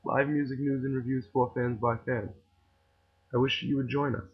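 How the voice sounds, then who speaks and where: A husky, medium-pitched male voice with flat delivery and a moderate pace belongs to a podcast host from New York City with a New York accent. His casual rant is opinionated and sarcastic, rambling with many restarts, and the audio is tinny, like a phone line.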